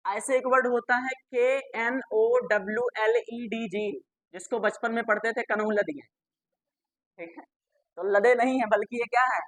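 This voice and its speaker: A woman's voice: on the high side, fairly even intonation, moderate pace, no room sound. A woman teacher. She gives a classroom grammar lesson, spells words out letter by letter and repeats them, and asks the class questions that she then answers herself.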